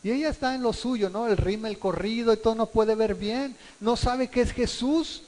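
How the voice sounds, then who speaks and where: A man's voice: normal speed, darkish tone, long reverb tail, low-quality recording. A male pastor with a Mexican Spanish accent preaching a conversational verse-by-verse sermon and acting out the quotes. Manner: conversational, acts out quotes with shifting pitch.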